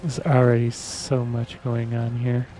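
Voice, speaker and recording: A man with a mellow, dark voice chats casually while streaming a game. He sounds laid-back and a bit defensive, with faint music behind. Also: mid-range voice, completely flat delivery, measured pace, poor audio. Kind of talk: casual chat while gaming.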